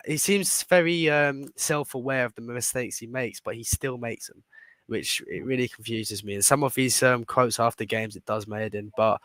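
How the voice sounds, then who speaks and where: A British man with a bright, forward voice chats casually about football as a fan show guest. The sound is close and dry, with no room on it. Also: medium pitch, no room sound. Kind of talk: casual football opinion chat.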